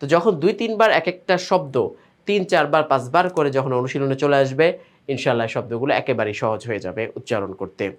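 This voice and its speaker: A man with a Bangladeshi accent teaching a reading lesson, sounding out letters and syllables slowly in a patient, sing-song drill. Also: mid-range voice.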